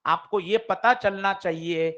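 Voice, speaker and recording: High-voiced male physics teacher lecturing. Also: unhurried. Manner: lively, addresses students directly with questions. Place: classroom. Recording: dull lo-fi classroom recording.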